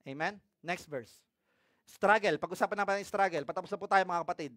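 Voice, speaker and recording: A man with a Filipino accent preaching a sermon in a mix of two languages, reading scripture aloud and often asking his congregation questions, swinging between loud and hushed. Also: high-pitched, a little fast, no room sound, studio quality.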